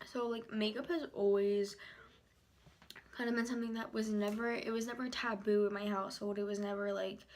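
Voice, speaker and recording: A young woman chats casually and haltingly to the camera in a rambling, informal way, chewing as she talks. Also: mid-range voice, fairly even intonation, a little mellow, slight background noise. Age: young adult. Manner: chewing while talking. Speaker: YouTuber vlogger. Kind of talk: casual chat to camera during a mukbang.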